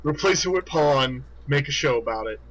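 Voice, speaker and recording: A man co-hosting a casual comedy podcast, an animated storyteller who laughs a lot. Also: mid-range voice, normal speed, crowd noise, poor audio. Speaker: podcast co-host.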